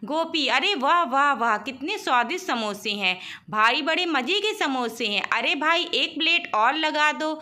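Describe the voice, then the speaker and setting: A woman playing a cheerful, gluttonous young wife from a storybook, high and bright, gushing over food. she pleads sweetly when she is scolded. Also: expressive, measured pace, few pauses, full character voice. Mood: greedy.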